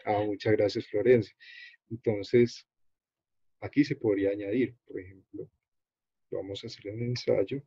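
A Colombian man runs an online workshop over a video call and walks through a page on screen. His voice is dark and mellow with a husky edge. The audio is dull and dry, with no room sound. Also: fairly low pitch, fairly even intonation, no room sound. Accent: Colombian Spanish. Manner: unhurried, halting, many fillers and restarts. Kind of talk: explaining a screen-shared web page.

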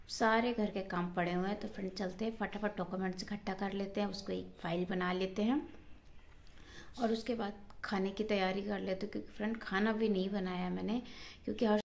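A woman vlogger chatting casually with her viewers while out and about, filming on a handheld phone. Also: medium pitch. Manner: chatty, addresses viewers as friends. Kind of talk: casual vlog chat. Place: outdoors at a park and school gate.

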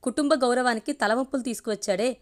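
A woman voicing a proud, hot-tempered middle-aged village patriarch who shouts commands. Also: a little high, fast, natural voice. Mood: furious.

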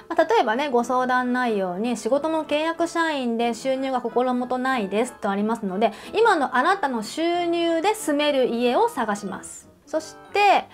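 A woman with a high voice talks straight to the viewer as a counselor, stressing her points and asking questions as she goes. Faint music plays under her words. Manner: emphatic, addresses viewer directly; uses everyday examples and questions. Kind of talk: advice talk to camera.

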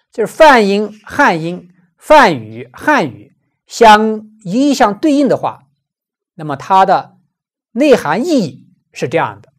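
Brief: low-voiced woman teacher, animated lilt, walks listeners through a Buddhist text with rhetorical questions. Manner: explanatory, asks and answers own rhetorical questions. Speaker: Buddhist lecturer. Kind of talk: scripture commentary lecture.

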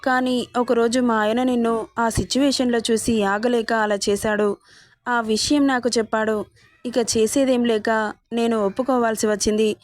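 A woman's voice: on the high side, little pitch movement, moderate pace, no room sound, clean studio sound, lightly acted. A woman reading a calculating, persuasive older sister.

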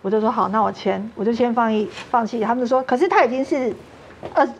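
A woman's voice: on the high side, quick pace, slight background noise. A woman with a Taiwanese Mandarin accent, a talk show guest earnestly telling a personal story and acting out what others said. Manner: earnest, acts out quoted dialogue.

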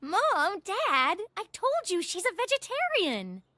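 A woman's voice: very high-pitched, huge pitch swings, slow, pushed and bright, dry recording, heavily acted. A woman voicing a friendly, forthright teenage girl in a cartoon. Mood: friendly, matter-of-fact. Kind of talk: animated cartoon voice acting.

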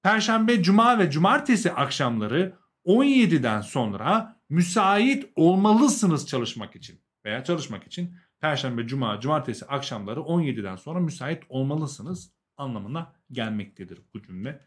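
A man's voice: on the high side, very animated, moderate pace, few pauses. A young adult man with a Turkish accent teaching a live language lesson, explaining, translating and repeating key words for learners.

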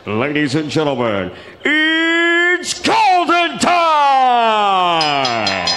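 A male ring announcer booms out fighter introductions like a lucha libre showman. His voice is high and his delivery slow and drawn out. It rings through an echoey arena. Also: bright, forceful tone. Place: boxing ring in a large indoor arena. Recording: echoey arena PA with clear crowd noise.

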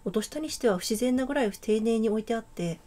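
A woman voicing a laid-back, teasing, boyish girl in a game, speaking in a put-on Kansai-style dialect with a relaxed drawl. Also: fairly high pitch, fast, close to an everyday voice. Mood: easygoing. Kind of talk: game dialogue read aloud.

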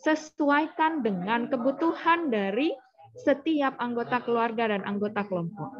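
Higher-voiced woman lecturing on nursing. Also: expressive, measured pace, muffled recording. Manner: explains step by step, asks and answers own questions.

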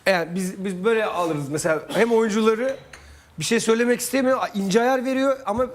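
A man's voice: sits high, a little fast. A man, a former footballer, giving his views as a pundit in a football panel discussion.

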